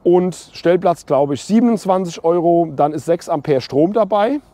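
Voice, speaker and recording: A man's voice: sits high, animated, normal speed, dark tone, no echo. A man in his forties walking around a campground, chatting casually to viewers about what it offers. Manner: chatty, opinionated, addresses viewers directly. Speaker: camping vlogger. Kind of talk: casual walk-and-talk review. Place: outdoors on a campground. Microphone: small clip mic on hoodie, camera held at arm's length.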